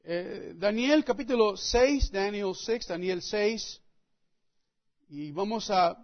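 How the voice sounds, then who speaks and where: A man preaching a sermon, reading scripture and praying in a slow, deliberate way with emphatic pauses. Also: high voice, dull audio. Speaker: pastor.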